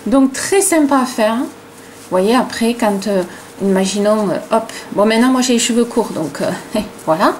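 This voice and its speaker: Chatty French crochet tutor, higher voice. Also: female voice, animated, moderate pace, darkish tone, a little hiss or hum. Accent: regional French. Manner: chatty, many fillers and "hein, voilà".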